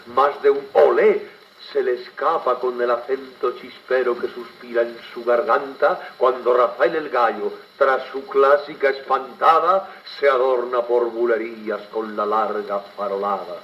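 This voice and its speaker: This Spanish man, accented from Spain, recites poetry with old-fashioned theatrical drama, 1940s style, captured on a crackly 78 rpm disc. His pitch is medium and his tone fairly bright.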